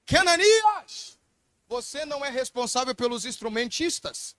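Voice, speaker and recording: A man's voice: very high-pitched, very animated, a little slow, a bit bright, dry recording, exaggerated voice. A male preacher voicing a stern king who gives insistent, threatening orders in a sermon retelling. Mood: commanding. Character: stern commanding king giving orders, adult man.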